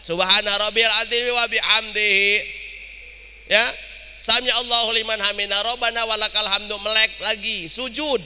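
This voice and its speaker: A man with a high, steady, sharp and clean voice preaches at a moderate pace in a mosque hall. He jokes with and teases his listeners, speaking to them directly, and the recording carries a long hall reverb.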